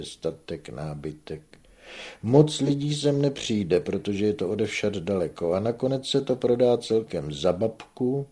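A man reads a cunning old farmer in a low, slightly husky voice. He speaks with easy, familiar authority and leans on every offer to win it. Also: mellow, full character voice. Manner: familiar, commanding, persuasive.

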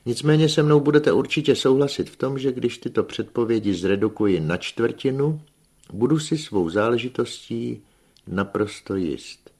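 A husky-voiced man reading an audiobook, voicing a pompous, scheming middle-aged hunchback who lectures with emphatic self-assurance. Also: medium pitch, animated, a little mellow, pitched above the performer's own voice. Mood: lecturing.

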